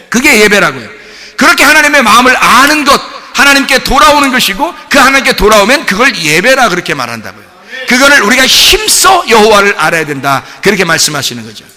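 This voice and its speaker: Animated high-voiced preaching pastor. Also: male voice. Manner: animated preaching with rhetorical questions. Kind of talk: sermon. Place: church sanctuary. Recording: long church reverb.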